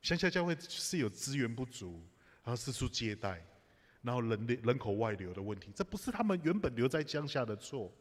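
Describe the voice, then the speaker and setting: A man's voice: mid-range voice, very animated, fairly quick. A man preaching a sermon, telling personal stories with humor and asides to the congregation. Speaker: pastor. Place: church sanctuary. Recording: live church hall reverb.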